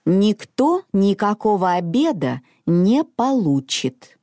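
A woman reading a children's story and voicing a strict mother who gives commands. She speaks slowly, in a dry, close sound. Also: medium pitch, sing-song, dark tone, no room sound. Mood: stern. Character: stern mother of many children.

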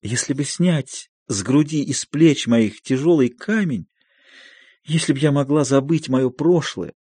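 A man's voice: medium pitch, unhurried, dark tone, breathy edge, no room sound, clean studio sound, pitched above the performer's own voice. A man voicing a middle-aged noble lady, nostalgic and tearful, reading an audiobook of a play. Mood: wistful. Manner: wistful, emotional.

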